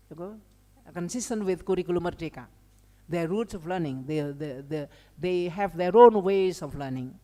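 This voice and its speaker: A lowish, mellow female voice with an Indonesian accent gives an academic lecture. She is a seminar speaker and language educator whose conversational delivery includes informal asides and short check-in tags such as "okay" and "right." Long hall reverb colors the recording.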